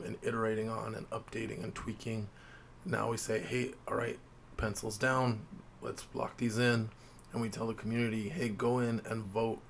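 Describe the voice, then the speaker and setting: The host of a tabletop game channel, suffering a sore throat that leaves his voice slightly hoarse, quietly explains things to viewers in a casual, low-key way with lots of ums. He uses a desk mic with the gain turned up, picking up a little hiss or hum.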